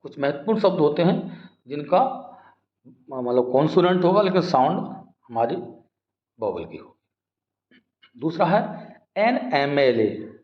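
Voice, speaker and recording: A man's voice: fairly high pitch, expressive, measured pace, pauses often. A man teaching English grammar in a lesson, explaining step by step, asking questions back and repeating words. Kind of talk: classroom-style grammar lesson. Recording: echoey room, dull lo-fi sound.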